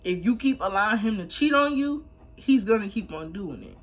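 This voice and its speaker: A woman's voice: mid-range voice, animated, moderate pace. A young woman giving blunt, emphatic, slangy advice in a casual chat while she eats. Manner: talking while eating. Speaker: mukbang vlogger.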